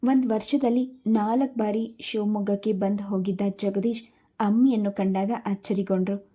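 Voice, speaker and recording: A woman storyteller reading a family story aloud in a steady, even way. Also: mid-range voice. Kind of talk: scripted story narration.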